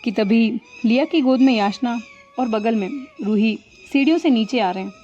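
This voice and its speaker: A woman narrating a serial story in a steady, explaining manner. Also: fairly high pitch, moderate pace. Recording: dull lo-fi with faint music.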